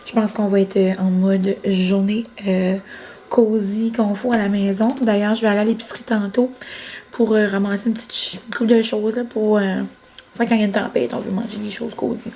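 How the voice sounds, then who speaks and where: A woman's voice: medium pitch, level tone, fairly quick, mellow. A young woman chatting casually to her vlog audience, with many fillers and English words. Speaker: vlogger. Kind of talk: casual vlog chat to camera.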